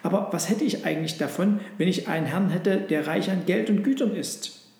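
Humble kind little donkey for a storybook reading, voiced by a man, earnest and eager, high-ish, roomy echo. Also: moderate pace, darkish tone.

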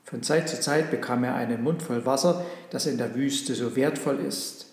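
A man narrating a Christmas storybook in a calm, measured way. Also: medium pitch. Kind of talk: storybook reading. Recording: echoey room.

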